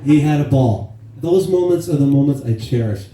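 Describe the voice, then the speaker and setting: A man in his fifties delivers a eulogy in an echoey hall, heard from far off the mic. His voice is dark and mellow, and he tells stories in a plain, casual way with some swearing. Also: mid-range voice, lively intonation, moderate pace. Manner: storytelling with laughs and acted quotes. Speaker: son giving a eulogy. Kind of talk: eulogy speech. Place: memorial gathering in a hall.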